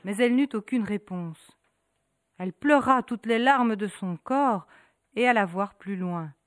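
A woman telling a folk tale aloud. She builds rhythm through repetition and dramatic pauses. Her mid-range voice is recorded close and dry. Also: medium pitch, no echo. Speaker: storyteller. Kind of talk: storytelling narration.

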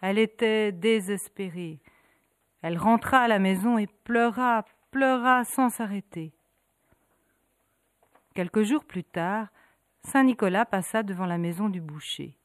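A woman telling a folk tale aloud. She builds rhythm through repetition and dramatic pauses. Her mid-range voice is recorded close and dry. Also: medium pitch, no echo. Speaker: storyteller. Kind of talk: storytelling narration.

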